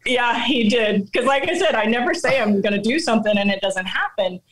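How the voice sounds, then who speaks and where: A middle-aged woman, telling a personal hunting story in casual chat, animated and often laughing. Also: fairly high pitch, a little fast, over a noisy crowd, low-quality recording. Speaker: guest hunter.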